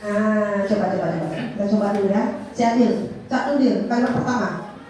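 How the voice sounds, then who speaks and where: A woman leading a public speaking workshop at a school, lively and coaxing, often asking the class questions. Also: mid-range voice, brisk, a crowd in the background. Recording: echoey room, voice from far off.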